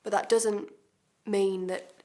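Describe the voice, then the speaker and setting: Actress as a defiant woman under questioning, blunt and sweary, mid-pitched, self-tape. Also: flat delivery, takes it slowly, dark tone, lightly acted. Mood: defensive. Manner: blunt, swearing, hesitant fillers. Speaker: actor.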